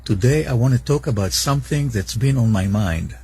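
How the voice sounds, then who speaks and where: A man from Israel giving a prepared monologue in a played video clip, measured and reading out passages. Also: mid-range voice, animated, darkish tone, slightly rough.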